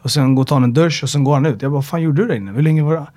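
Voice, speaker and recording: Animated storytelling man, fairly high voice. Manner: animated storyteller who swears and acts out dialogue. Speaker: personal trainer guest. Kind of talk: casual podcast chat.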